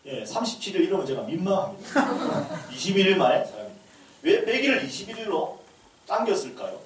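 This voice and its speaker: Speaking a little fast in a high-pitched, very animated voice, this pastor keeps his leadership school class laughing and acts out short dialogues during the lesson. A distant mic captures him in an echoey room with some faint noise.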